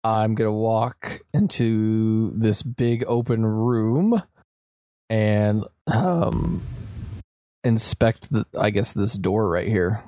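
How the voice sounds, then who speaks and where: A man's voice: fairly low pitch, very slow, a little mellow, dry recording. A man playing a tabletop game, speaking hesitantly with frequent stumbles and restarts. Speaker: player.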